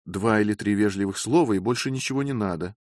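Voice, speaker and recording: A calm, reserved husband speaks low and measured, as a male reader voices him. He stays cool and steady. The voice is dry and close to the mic. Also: dry recording.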